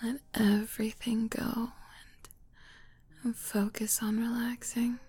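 A woman performing a whispered role-play as a doting, flirty, motherly woman, intimate and close as if right in the listener's ear, coaxing softly. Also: a little high, little pitch movement, husky, faint music behind, heavily acted. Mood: tender, soothing. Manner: slow, coaxing, soft giggles.

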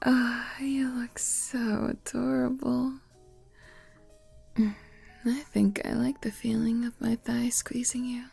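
A woman performing an ASMR role-play as a doting, flirty, motherly woman, intimate and close as if right in the listener's ear, coaxing softly. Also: a little high, level tone, gravelly, breathy edge, faint music behind, heavily acted. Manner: slow, coaxing, soft giggles.

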